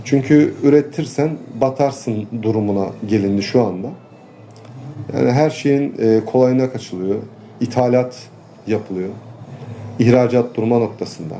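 Mellow-voiced man in a street interview. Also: mid-range voice, slight background noise. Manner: earnest, complaining, halting with fillers. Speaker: interviewee, farmer and local official.

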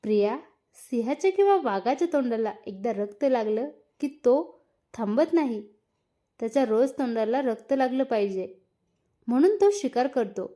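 A woman's voice: fairly high pitch, animated, normal speed, dark tone, lightly acted. A woman voicing a teasing, eager young husband, playful and insistent, in a read-aloud story.

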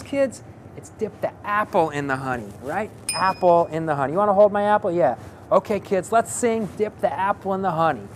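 A man's voice: high-pitched, a little hiss or hum. A man, a rabbi, hosting a children's show, talking straight to the kids with lots of energy.

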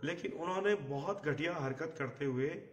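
A middle-aged man with a hoarse voice, giving emphatic live political commentary and clearing his throat. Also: fairly high pitch, moderate pace, roomy sound. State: hoarse, recovering from a bad cough. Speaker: journalist and live show host. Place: outdoor terrace in the hills. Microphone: phone a short distance away.

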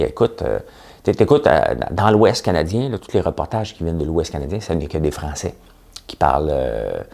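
A man's voice: deep voice, creaky, dark tone, husky. A man with a Québécois French accent, hosting a show and delivering a chatty, sarcastic opinion monologue. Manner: chatty, sarcastic, mimics voices. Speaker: podcast host.

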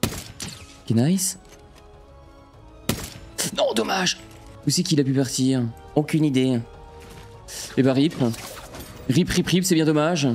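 Young guy streaming a shooter game, chatting to viewers, gets loud and annoyed fast, faint music under it. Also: on the high side. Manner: excitable, talks to viewers, sudden frustrated outbursts. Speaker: gaming streamer. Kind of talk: live gameplay commentary.

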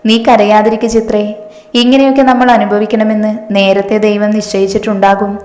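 A woman's voice: mid-range voice, level tone, normal speed, darkish tone, lightly acted. A woman reading the lines of a stern, grieving middle-aged father who scolds and commands, in an echoey room with a long reverb.

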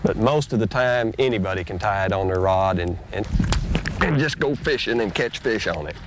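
On a bass boat out on a lake, a middle-aged man hosts a fishing show, giving casual instruction as he fishes. He talks at a moderate pace with a folksy drawl and gets excited when a fish bites. The audio is noisy outdoor boat sound from 1990s tape.

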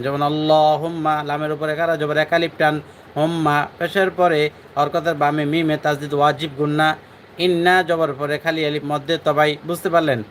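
A man who teaches Quran reading, reciting Arabic prayer slowly and explaining pronunciation rules in a teacherly way. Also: on the high side, fairly bright tone, slight background noise. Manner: explaining pronunciation rules, asking viewers if they follow. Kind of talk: religious lesson.

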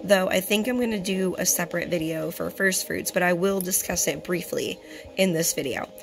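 Young woman doing a bible teaching, hoarse like she lost her voice, lowish and croaky, keeps clearing her throat. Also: normal speed. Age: young adult. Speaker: fellowship host and Bible teacher. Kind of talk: religious teaching talk. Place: small indoor room. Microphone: phone at arm's length.

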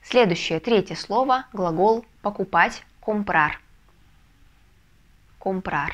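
A woman teaching a video lesson, explaining step by step with patient, soft confirmations. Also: medium pitch, takes it slowly. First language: Russian. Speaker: Spanish language teacher. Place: language school in a Russian city.

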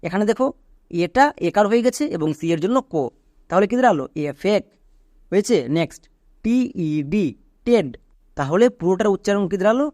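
A man's voice: high voice, lively intonation, fast talker, darkish tone, dry recording. A man teaches English pronunciation step by step. He keeps asking questions and then answering them himself. The recording is close and dry, with no room sound. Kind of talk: spoken lesson.

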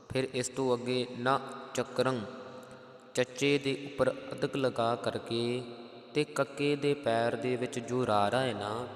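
A man with a Punjabi accent teaching scripture pronunciation, chanting verses slowly and then explaining each letter. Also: mid-range voice, roomy sound, big-room sound. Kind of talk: Gurbani pronunciation lesson with sung recitation.

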